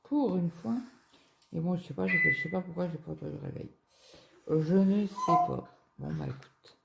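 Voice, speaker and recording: A woman rambles through everyday stories as she stitches at home, leaning on a lot of fillers. Her voice sits low and has a gravelly, creaky edge. The room rings with echo, and loud background noise runs under everything. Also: brisk. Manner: rambling, chatty storytelling with many fillers. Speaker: cross-stitch vlogger. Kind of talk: casual chat while stitching.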